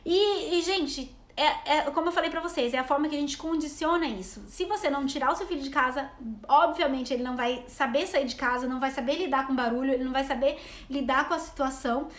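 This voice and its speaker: A Brazilian woman in her thirties, a travel vlogger and mom, chats with viewers during a rambling live stream, reading comments aloud. Her voice is high and fast, with a Brazilian Portuguese accent, and the audio sounds roomy.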